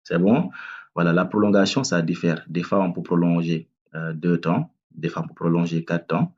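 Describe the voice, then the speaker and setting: A man teaching tajwid, patiently breaking down each word and repeating it slowly to correct common student mistakes. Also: low voice, steady tone, a little mellow, slightly rough, highs cut off. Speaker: Quran recitation teacher. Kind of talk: tajwid lesson with demonstrated recitation.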